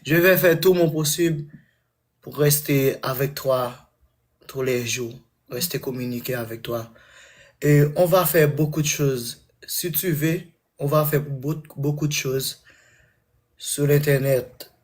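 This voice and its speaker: A man's voice: medium pitch, slow. A man who is not a native French speaker, flirting casually in broken French, groping for words and repeating them. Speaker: suitor in a live online matchmaking chat.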